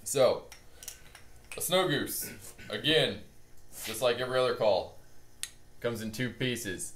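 A man's voice: medium pitch, expressive, slow, a bit bright. A young man giving a casual, laid-back and reassuring how-to talk as a hunting-call instructor. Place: garage with boat and hunting gear. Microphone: camera a few meters away. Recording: echoey garage, noticeable background noise.

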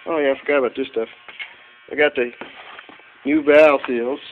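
A man with a medium-pitched, steady voice talks at normal speed while showing engine parts in a cluttered garage. He's an amateur car mechanic vlogging casually and plainly, phone in hand behind the camera. The recording has a tinny, phone-like quality and electrical hum.

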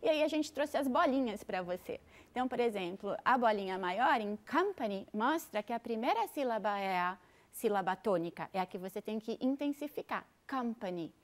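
A high-pitched woman with a Brazilian Portuguese accent, teaching English pronunciation in a cheerful, step-by-step manner. She speaks in a studio and keeps addressing the viewers directly. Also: lively intonation, normal speed. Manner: upbeat, explains step by step to viewers. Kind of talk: bilingual pronunciation lesson.

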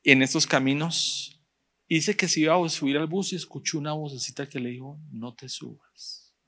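A man, a pastor preaching a sermon in church, speaking directly to the congregation and slowing down to stress his points. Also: on the high side, bright, forceful tone. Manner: direct, addresses the congregation, rising emphasis and slow stressed phrases.

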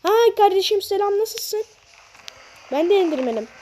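A woman's voice: extremely high pitch, lively intonation, moderate pace, mellow, a little hiss or hum, voice pushed up. A woman voicing a friendly enderman creature who greets the player like an old buddy. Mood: chummy. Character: chummy enderman creature wanting company.

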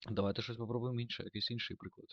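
A man's voice: medium pitch, fairly even intonation, racing, no room sound, highs cut off. A man teaching German grammar in a lesson, thinking aloud with fillers and self-corrections.

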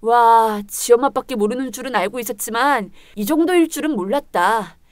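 A pregnant young wife who stands her ground with restrained, polite firmness, as a woman plays her. Her voice sits high and is recorded dry and close for a dramatized story reading. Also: moderate pace, dry recording, lightly acted. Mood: indignant.

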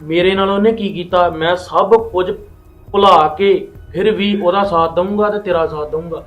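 A man's voice: high-pitched, fairly even intonation, normal speed, fairly bright tone, faint music behind. A man playing a son-in-law in a family drama, insistent and reassuring, repeating himself as he talks. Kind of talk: Punjabi family web drama acting.

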